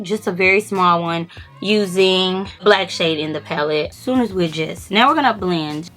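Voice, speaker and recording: Talking through her get-ready makeup routine, a young beauty vlogger keeps things casual and chatty, leaning heavily on "like" as a filler. Faint music plays behind her fairly bright, mid-range voice.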